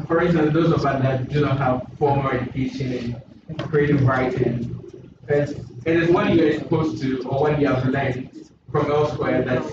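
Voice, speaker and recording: A man from Ghana, a poet speaking thoughtfully on a panel discussion, in measured phrases with restarts. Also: mid-range voice. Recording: distant mic in an echoey room, muffled, noisy.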